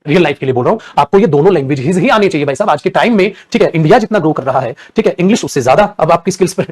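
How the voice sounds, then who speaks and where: Man, Indian accent, high voice, spoken-English teacher, animated lecture, acted-out examples. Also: rapid-fire. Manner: animated, acts out examples, addresses students as dear and beta. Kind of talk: classroom lecture mixing Hindi and English.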